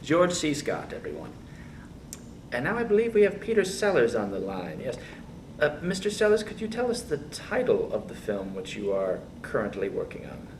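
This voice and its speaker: A man's voice: medium pitch, huge pitch swings, normal speed, darkish tone. A man playing a mock-formal, over-polite interviewer in a comic sketch. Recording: distant mic with faint hiss.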